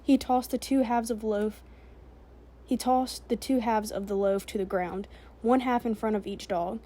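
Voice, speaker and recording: Female narrator, mellow and warm, steady measured read of a book chapter. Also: on the high side. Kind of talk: reading a novel chapter aloud.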